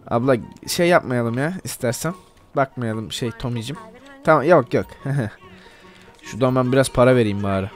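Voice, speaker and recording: A man narrates his gameplay in a loose, joking manner and speaks straight to his viewers. His voice sits in an ordinary middle register. Soft music plays faintly behind him. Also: medium pitch, a little slow, long pauses. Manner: playful and joking, addressing viewers as "gençler". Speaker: gameplay video host. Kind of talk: casual gameplay commentary.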